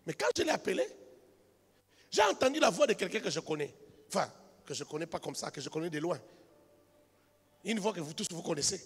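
A man preaching a sermon as a pastor, telling a story quietly and then building up to shouted, half-sung exhortation. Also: high voice, very animated, fairly quick, pauses often, husky. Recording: reverberant hall with music behind.

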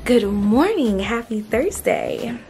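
A woman's voice: fairly high pitch, very animated, takes it slowly, gravelly, over music. A young woman in her twenties chatting casually to camera at home, full of fillers and calling her viewers "y'all". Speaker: lifestyle vlogger. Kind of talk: casual vlog chat to camera. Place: home bedroom and kitchen.

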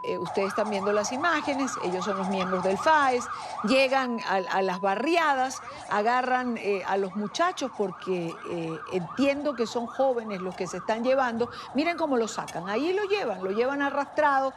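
A woman's voice: fairly high pitch, expressive, moderate pace, background noise. A woman interviewing a guest on a television news program, speaking hesitantly with many fillers and restarts.

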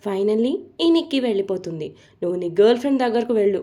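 A woman voicing a hurt, sharp-tongued young wife who speaks reproachfully in an audio story. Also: mid-range voice, quick pace, lightly acted. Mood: angry.

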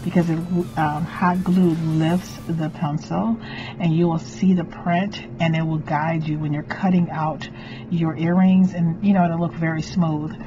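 A middle-aged woman with a fairly low voice presents a DIY craft video. She is theatrical and gushing, stretching the words she wants to stress. Music plays clearly behind her. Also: little pitch movement, a little slow, poor audio. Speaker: craft channel host, doll artist. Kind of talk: vlog and DIY tutorial.

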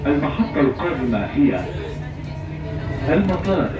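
Man, train announcement, formal even delivery, muffled lo-fi sound, heavy echo. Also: a little high, moderate pace, over loud music. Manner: formal, evenly paced. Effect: train public address announcement. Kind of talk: automated transit announcement. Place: inside a moving metro train. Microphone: train loudspeaker heard by a phone camera. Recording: echoey, distant, muffled, noisy.

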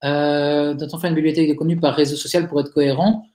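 A man's voice: on the high side, little pitch movement, fast talker, warm tone. A man with a Belgian accent from Liège, answering audience questions in a live webinar in a chatty, encouraging way with frequent hesitations. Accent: Liège Belgian French. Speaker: webinar speaker, digital agency owner. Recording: roomy webinar audio.

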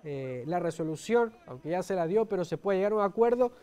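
A man's voice: high voice, lively intonation, fairly quick, mellow, clean tone. A man with an Ecuadorian accent giving live football commentary as a match commentator.

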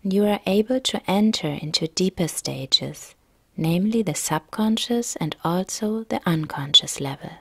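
Speaking at a measured pace, a woman guides listeners through yoga nidra relaxation with a breathy, soft, calm and gentle delivery. Her voice is fairly low, with no echo in the recording.

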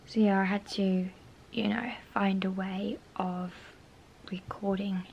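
A woman's voice: mid-range voice, level tone, slow pace, creaky, muffled recording, a little hiss or hum. A young woman in her bedroom talking to a handheld camera in a casual vlog, rambling, repeating herself and sometimes sinking to a whisper. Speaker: vlogger. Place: bedroom at home, indoors. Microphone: handheld camera close to face.

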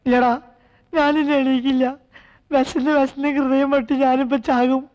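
A man's voice: extremely high pitch, level tone, moderate pace, a little mellow, rough recording. An actor playing a hungry man in a comedy film, whining in exaggerated self-pity as if on his deathbed. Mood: whiny, self-pitying. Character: melodramatic hungry man moaning he is dying.

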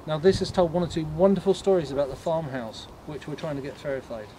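Guy doing a ghost walk talk, kinda high voice, matter of fact, stop-start, lots of background noise. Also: fast, mellow. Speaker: ghost tour guide. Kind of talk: informal explanatory talk to a tour group. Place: on a night walking tour, in the dark. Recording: noisy outdoor night recording.

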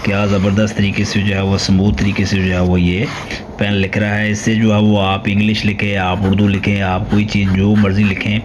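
A man in his forties with a Pakistani Urdu accent reviews a product in an upbeat, eager way, leaning on the same filler phrase in nearly every sentence. His voice sits a little low. Steady background noise runs under a slightly dull recording. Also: normal speed. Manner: leans constantly on the filler "jo hai vo". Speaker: host, stationery product reviewer. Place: small indoor room.

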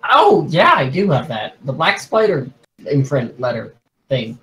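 A man's voice: a little high, very animated, measured pace, fairly bright tone, low-quality recording. A man playing a tabletop game, chatting and bantering casually.

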